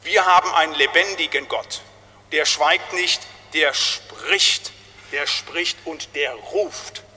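Bright-voiced man preaching in a church hall. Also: on the high side, slow pace. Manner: preaching with tag questions, rising to emphatic calls. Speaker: pastor. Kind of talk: sermon. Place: large church. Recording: long church reverb.

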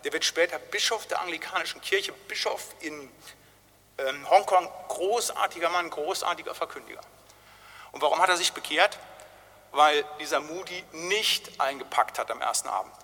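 A man's voice: fairly high pitch, normal speed, bright, forceful tone. A man preaching a sermon, telling a story in a casual, conversational way and often tagging his sentences with little questions. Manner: storytelling, conversational with frequent "halt, nicht?" tags. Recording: long hall reverb.

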